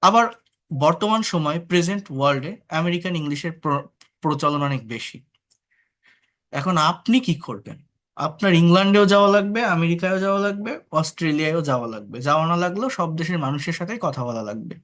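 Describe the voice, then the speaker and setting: Slightly high-voiced Bangladeshi male tutor. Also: animated, a little fast, a bit bright. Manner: explains patiently, asks the class rhetorical questions; mixes English words into his talk. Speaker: English tutor. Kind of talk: online class lecture.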